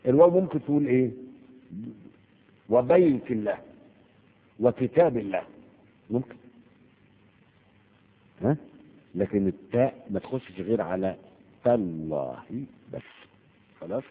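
A man with an Egyptian Arabic accent teaches a grammar lesson, posing questions to the class and answering them himself. His medium-pitched voice is expressive and measured, with long pauses. The audio sounds like an echoey hall heard through a tinny, phone-like line.

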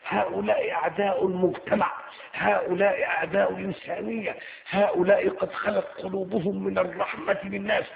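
A man's voice: high voice, flat delivery, fairly quick, gravelly, pitched above the performer's own voice. A man putting on a pompous male prosecutor's fiery courtroom oration. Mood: grandiose. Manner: bombastic, rhetorical, rising oratory. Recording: tinny phone-like lo-fi with faint hiss.

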